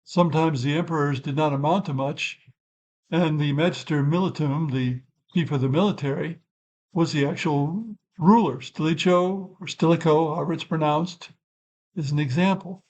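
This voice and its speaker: On a rough recording, an older man hosting his channel explains a subject without a script, rambling thoughtfully with self-correcting asides. He speaks at a normal speed in a fairly high, somewhat mellow voice.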